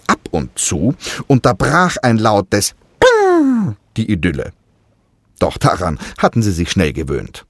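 A man narrating a children's storybook in an expressive, leisurely way. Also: lowish voice, takes it slowly, no room sound.

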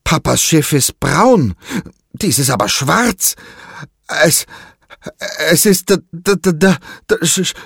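Man doing a high-pitched little pirate boy who stammers a lot, gets jumpy and scared easily. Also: slow pace, breathy edge, no room sound, studio quality, full character voice. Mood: excited. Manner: stuttering, high and excited. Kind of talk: children's audio story.

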